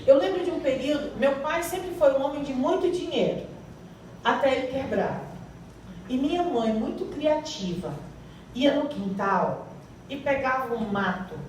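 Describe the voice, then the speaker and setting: A woman's voice: sits high, lively intonation, a little slow, darkish tone. A woman with a Brazilian Portuguese accent preaching a church sermon, reading scripture and quizzing the congregation with questions. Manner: asks the congregation questions and prompts answers. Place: church hall. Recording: very echoey hall, mic far off, faint hiss.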